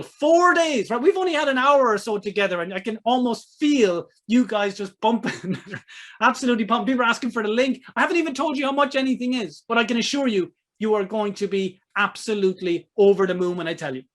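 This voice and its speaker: A man with a notably high voice hosts a live webinar as a business coach. He pitches with eager, salesy energy. He keeps tagging his sentences with quick "right?" and "okay?" check-ins. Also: fairly bright tone.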